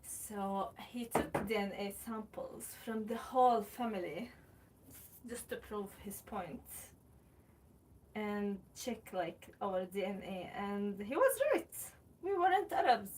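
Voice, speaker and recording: A woman from Sweden hosts a pottery livestream from a warm studio room, chatting in an unhurried way as she greets viewers and answers their comments. Her voice sits a little back from the mic. A faint hum of room ambience stays under her speech. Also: mid-range voice, animated, distant mic, poor audio. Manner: chatty, reads viewer comments aloud while working clay. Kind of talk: casual livestream chat.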